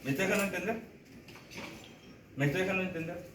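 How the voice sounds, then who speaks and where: Animated male teacher in an echoey classroom. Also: sits high, fast, far from the mic, background noise. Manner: animated, counting aloud while writing on a board. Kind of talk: classroom lecture.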